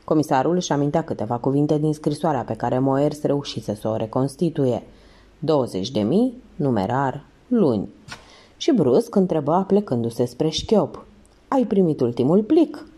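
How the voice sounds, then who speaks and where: A woman narrating a detective novel as an audiobook reader, in steady storytelling. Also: breathy edge. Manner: steady storytelling with lively pitch.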